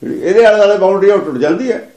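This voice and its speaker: A man's voice: sits high, lively intonation, racing, a little mellow, roomy sound. A man giving a sermon that explains scripture, repeating and chanting its lines with emphasis. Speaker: religious preacher.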